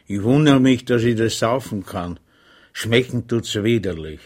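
A man voicing a hungover male army chaplain in a storybook reading, sighing and complaining in a croaky voice. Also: medium pitch, measured pace, a little mellow, natural voice. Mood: grumbling.

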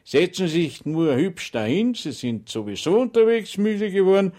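A man voicing a friendly but cunning village police sergeant who talks in a smooth, mockingly polite way. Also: high-pitched, big pitch swings, normal speed, dark tone, pitched above the performer's own voice. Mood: coaxing.

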